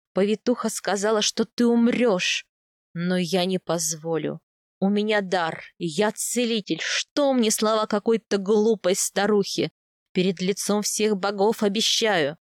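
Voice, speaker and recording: A woman's voice: medium pitch, no echo, clean studio sound, lightly acted. A woman voicing a grumbling young husband from the steppe, a reluctant healer who speaks steadily and tenderly to his wife.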